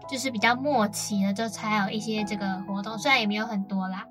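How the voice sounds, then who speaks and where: A woman's voice: medium pitch, steady tone, quick pace, a bit bright, faint music behind. A young woman from Taiwan co-hosting a casual radio chat, telling stories in a chatty way with many fillers. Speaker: co-host.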